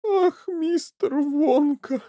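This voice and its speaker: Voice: drawn-out words, dark tone. A reader voicing a frantic, tearful middle-aged mother in an audiobook. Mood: wailing. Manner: shrill, wailing. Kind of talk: audiobook character reading.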